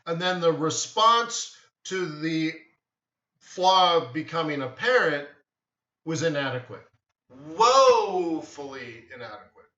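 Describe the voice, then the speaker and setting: A forex trading livestream host with a slightly high voice talks slowly, spinning rambling stories during casual chat and acting out quotes with animation. The sound is roomy, distant, and a bit dull.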